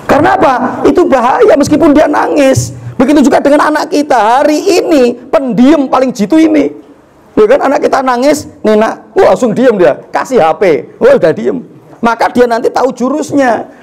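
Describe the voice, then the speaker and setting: A young man delivers a sermon in a high, lively voice. His pitch leaps around as he fires off rhetorical questions and acts out short family exchanges. The whole delivery stays animated and expressive. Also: creaky, poor audio. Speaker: Islamic preacher.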